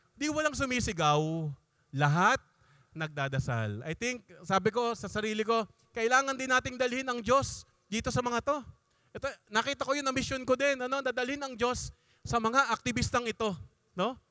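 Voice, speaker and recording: A man's voice: very high-pitched, normal speed, pushed and bright, clean tone, dry recording, clean studio sound. A middle-aged priest giving a conversational talk to a youth gathering, switching between Tagalog and English with frequent asides. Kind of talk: sermon-style talk at a youth congress.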